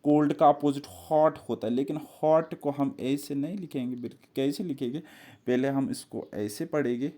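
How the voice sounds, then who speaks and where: This male exam-prep tutor has a mellow, mid-range voice and talks at normal speed. He explains reasoning puzzles on a board step by step, repeating points and quizzing the viewer.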